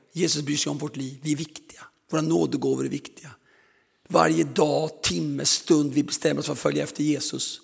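Gravelly-voiced preacher man, echoing hall. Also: on the high side. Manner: storytelling, acts out quoted voices. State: strained, recovering voice. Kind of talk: sermon.

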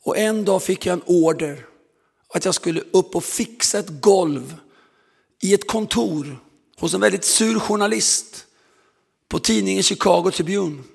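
Man, preacher, strained gravelly delivery, storytelling sermon in a reverberant hall. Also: sits high. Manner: storytelling, acts out quoted voices. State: strained, recovering voice.

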